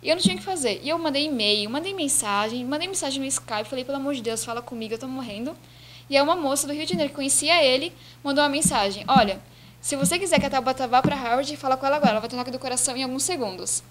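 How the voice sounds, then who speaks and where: An eighteen-year-old woman tells a personal story. Her voice sits high and she talks quickly, acting out what others said to her. A faint hum runs behind her in an indoor office. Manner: animated storytelling, acting out quoted dialogue. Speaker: student telling her story. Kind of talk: casual personal account to camera.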